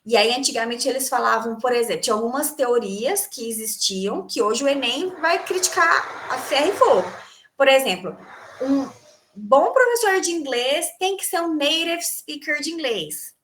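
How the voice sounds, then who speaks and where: A high-pitched woman speaks with a Brazilian Portuguese accent as she teaches an English class. She explains terms to her students and keeps asking them rhetorical questions. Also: lively intonation, normal speed, a bit bright, slight background noise. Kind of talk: online class lecture.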